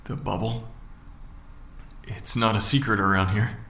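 A man playing a gravelly, unsure investigator. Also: on the low side, steady tone, measured pace, fairly bright tone, roomy sound. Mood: wary. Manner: hesitant, probing, weary. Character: unsure male amateur investigator.

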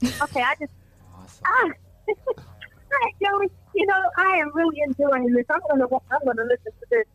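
A middle-aged woman calling in over a phone line, gushing and halting with fillers as a caller to a morning show. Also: high-pitched, very animated, fairly bright tone, dry recording. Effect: heard over a phone line. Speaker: caller, mother of a host. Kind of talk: call-in chat. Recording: distant phone call, dry.

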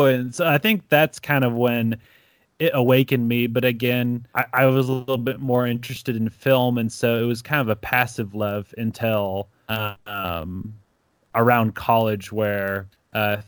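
A young man from Ecuador, a comic creator appearing as a guest, tells stories animatedly in casual interview chat, performing quotes and saying "like" often. His voice is mid-range, recorded without echo.

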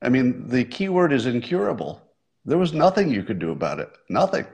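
A man's voice: mid-range voice, huge pitch swings, brisk, vocal fry, a little mellow. A man in his sixties talking to his audience in a casual, musing monologue, with occasional self-amused laughs. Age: 60s. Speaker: livestream host.

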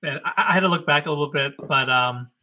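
A man co-hosting a casual podcast talk show speaks fast in a slightly high, bright, forceful voice. He rambles through a story, corrects himself along the way, and laughs often.

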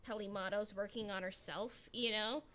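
This woman's medium-pitched voice is steady, pushed, and bright, at a moderate pace. As a podcast panelist in a casual fan discussion, she tests her views in hesitant fragments full of "like," with clear background noise in the recording.

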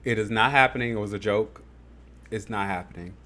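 Talking briskly in a fairly low voice that sounds pushed and bright, this male podcast co-host keeps things casual and chatty, with many fillers and frequent laughter.

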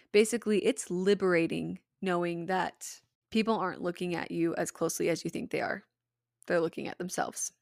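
A woman's voice: on the low side, vocal fry, no echo, studio quality. A young woman with a Utah accent hosting her own podcast in a casual, candid way, giggling and swearing freely as she chats. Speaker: podcast host. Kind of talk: casual solo podcast chat.

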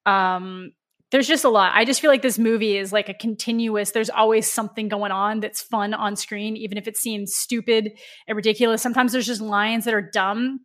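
A woman's voice: medium pitch, steady tone, normal speed, a bit bright. A woman co-hosting a podcast, chatting casually about a movie, laughing often and swearing while she mocks it. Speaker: podcast co-host. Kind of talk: casual movie review chat.

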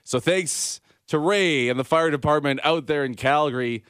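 A man's voice: on the high side, normal speed, a bit bright, clean tone, no room sound, clean studio sound. A Canadian man hosting a sports podcast, talking in a breezy, slangy, conversational and upbeat way. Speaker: podcast host.

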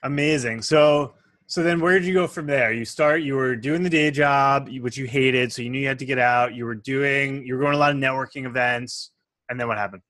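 A man's voice: mid-range voice, brisk, dry recording. A man hosting a podcast interview, asking questions and telling stories with energy. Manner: energetic storyteller. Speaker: podcast host.

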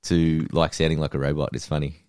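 An Australian man hosting a casual sports podcast, chatty and relaxed as he runs through the segments. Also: rumbling low, fast, clear, resonant tone, no room sound, clean studio sound. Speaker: podcast host. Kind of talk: casual sports fantasy chat.

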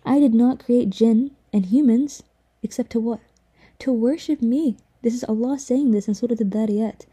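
A woman's voice: fairly high pitch, moderate pace, dark tone, husky. A young woman hosting a casual religious podcast, talking earnestly and full of "like" and "you know". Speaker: podcast host.

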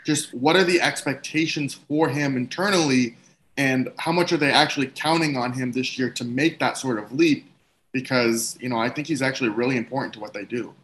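A man's voice: medium pitch, brisk, fairly bright tone, low-quality recording. A man giving casual sports analysis as a panelist, in a tentative, hedging way. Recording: faint background ambient noise.

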